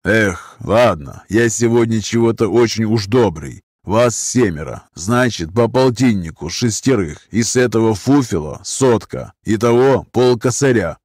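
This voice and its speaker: A man voicing a huge scarred ex-convict who threatens slowly in criminal slang. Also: lowish voice, darkish tone, no room sound, studio quality. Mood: menacing. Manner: slow, menacing, criminal slang. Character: scarred hulking ex-convict, menacing.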